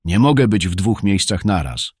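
Man voicing weary calm farmer son. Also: low-pitched, normal speed, breathy edge, no room sound, studio quality.

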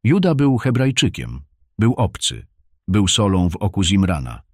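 Low-voiced man, measured audiobook narration, dry close recording. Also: wildly swooping pitch, breathy edge, no echo.

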